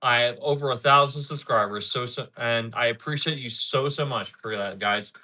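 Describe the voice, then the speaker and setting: A man's voice: medium pitch, normal speed, pushed and bright. A man in his thirties chatting casually on a live stream, rambling, repeating himself and answering his chat. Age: 30s. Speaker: livestreamer.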